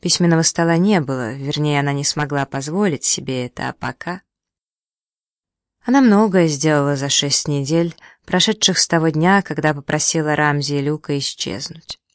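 An audiobook narrator reading a novel in a measured, even way. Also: medium pitch, no room sound, studio quality.

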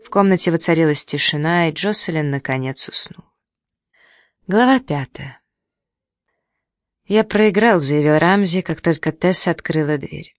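An audiobook narrator reading a novel in a measured, even way. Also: medium pitch, dry recording, clean studio sound. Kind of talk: scripted narration.

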